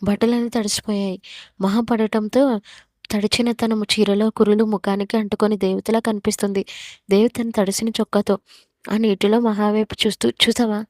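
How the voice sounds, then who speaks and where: A woman's voice: medium pitch, flat delivery, normal speed, no echo. A woman reading a romance story aloud, voicing the characters' quarrels in her own voice. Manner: reads every character's lines in her own voice, louder for the quarrels. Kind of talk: scripted story narration.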